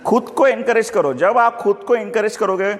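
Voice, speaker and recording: A man's voice: high-pitched, moderate pace. A man with a Mumbai Hindi accent teaching a sermon in a chatty, joking way, calling on the congregation to answer back. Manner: chatty, jokey, calls for congregation responses. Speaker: Bible teacher. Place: church hall with congregation. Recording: reverberant hall.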